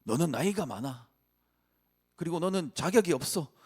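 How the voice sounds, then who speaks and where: Sneering personified fear, male, as a preacher puts it on, belittling, raised pitch. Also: animated, moderate pace, slightly rough. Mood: taunting.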